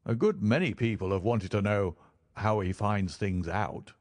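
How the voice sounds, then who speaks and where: A man voicing a genial, wry gentleman with a teasing, knowing manner in audiobook dialogue. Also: fairly low pitch, measured pace, no room sound, studio quality, close to an everyday voice.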